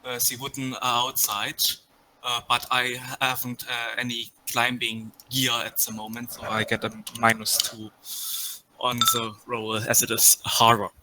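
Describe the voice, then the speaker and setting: A man playing a tabletop game, describing his actions hesitantly with many pauses. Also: mid-range voice, monotone, bright, forceful tone, a little hiss or hum, poor audio. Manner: hesitant, full of "uh"s. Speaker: player.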